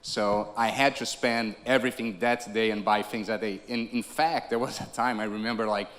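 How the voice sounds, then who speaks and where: A Brazilian-accented man in his forties speaks on a theater stage in a lowish voice, and a long hall reverb trails behind every phrase. He keeps it conversational, restarting sentences and laughing lightly as he goes. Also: fairly even intonation, normal speed, a bit bright. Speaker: conference speaker. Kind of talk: conference talk.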